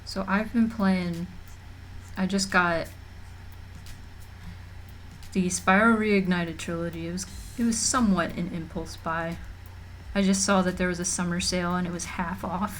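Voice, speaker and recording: A young woman streaming from a room in her home chats casually, wandering off-topic with many fillers and restarts as she feels slightly nauseous. Her voice is mid-range. Slight background noise is audible.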